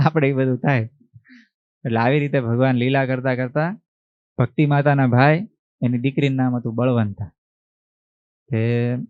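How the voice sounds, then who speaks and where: A man, a monk telling a devotional story in an animated way, acting out voices and asking the listeners questions. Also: medium pitch, dry recording, muffled recording. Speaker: monk giving a religious discourse.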